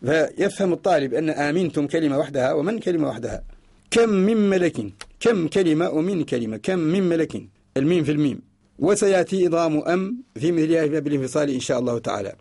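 A man with a Mauritanian Arabic accent giving a radio lesson, slowly recites each example and repeats it word by word to explain it. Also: a little high, lively intonation, vocal fry, warm tone, slightly rough. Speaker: teacher of Quranic orthography. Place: radio studio.

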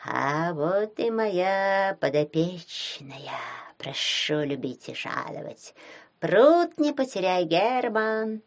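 A woman voicing a lazy, bossy magical female pike with a slow, condescending drawl. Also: fairly low pitch, sing-song, full character voice. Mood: mocking.

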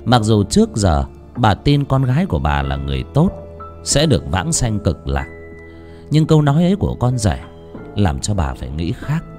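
A man narrating a serialized novel in an expressive, dramatic storytelling manner. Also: lowish voice, moderate pace. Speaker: audiobook narrator. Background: faint background music.

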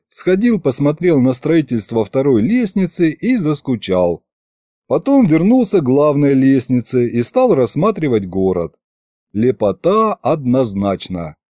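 Man, audiobook narrator, first-person, wry, animated intonation, dry close recording. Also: medium pitch, dry recording. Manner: lively, wry storytelling.

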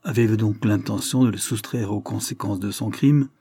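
A man reading the part of an irritable country squire in an audiobook, firing off sharp, indignant questions. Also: fairly low pitch, moderate pace, husky, no echo, studio quality.

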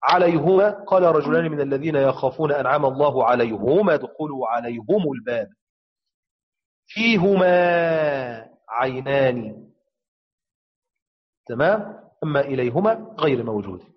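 Guy teaching quran readings, slow chanted examples, dull lo-fi recording. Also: medium pitch, lively intonation. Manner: explains step by step, asks and answers his own questions, chants verse examples slowly.

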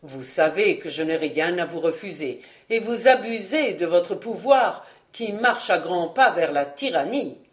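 Woman reading as a gruff old noble dad, sarcastic, kinda booming, lower and louder than her narration. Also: animated, a little slow, close to an everyday voice. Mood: jovial. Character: scheming middle-aged nobleman father, blustering.

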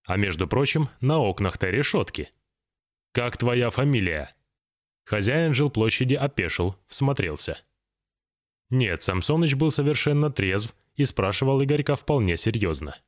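A man narrating an audiobook in a measured, expressive reading. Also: mid-range voice.

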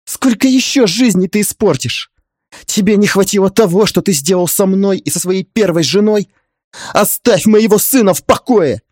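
A man's voice: high-pitched, normal speed, darkish tone, no echo, clean studio sound, voice pushed up. A man voicing a middle-aged mother who reproaches boldly in defense of her son, in an audiobook reading. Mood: indignant. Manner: reproachful, raised. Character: protective middle-aged mother, bold and indignant.

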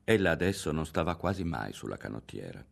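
Deep-voiced male literary narrator. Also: vocal fry. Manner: measured, expressive reading. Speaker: audiobook reader.

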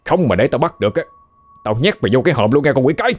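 A man's voice: fairly low pitch, expressive, fast talker, fairly bright tone. A man doing a barking bully thug. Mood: threatening. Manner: barking threats. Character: menacing male thug, loud and bullying.

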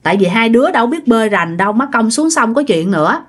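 A woman's voice: fairly high pitch, big pitch swings, quick pace. A woman narrating a ghost story in a chatty, conversational way, talking straight to her listeners. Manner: chatty, addresses listeners directly, many fillers.

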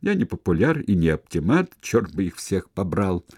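A man voicing a cheeky, jolly male slave who shouts merrily and taunts his neighbours. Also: sits low, very animated, normal speed, slightly rough, no room sound, clean studio sound, heavily acted. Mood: taunting. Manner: loud, merry, taunting.

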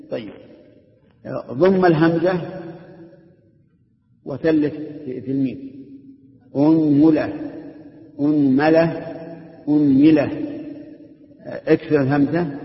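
An older man leads a lesson, firing questions at his students and spelling out vowel variants one by one. His voice sits slightly high. The old recording is muffled, with a long reverb from a large hall. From Saudi Arabia. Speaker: Islamic jurisprudence teacher. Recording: echoey lo-fi lecture hall recording.

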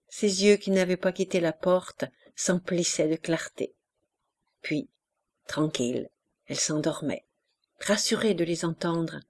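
A woman narrating a classic novel as an audiobook with a measured, expressive reading. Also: fairly low pitch. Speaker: audiobook reader. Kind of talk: scripted literary narration.

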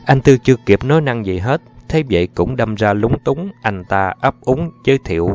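A man narrating a story in a steady, measured reading voice. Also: mid-range voice. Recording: muffled audio with faint music.

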